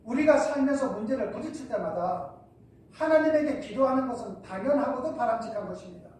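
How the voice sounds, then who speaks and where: A man's voice: very high-pitched, darkish tone, a little hiss or hum. A male pastor preaching a sermon, asking the congregation rhetorical questions. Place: church hall. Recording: echoey church from far off.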